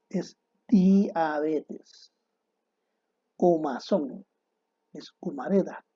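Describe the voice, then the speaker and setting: A man teaching a grammar lesson to students, deliberate and didactic, posing rhetorical questions and then answering them. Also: a little high, mellow, slightly rough, dull audio.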